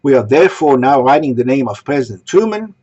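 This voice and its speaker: A man from Egypt delivering a sermon, posing rhetorical questions in a measured way. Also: mid-range voice, sing-song, darkish tone, slightly rough. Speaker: synagogue speaker. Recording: dull lo-fi recording.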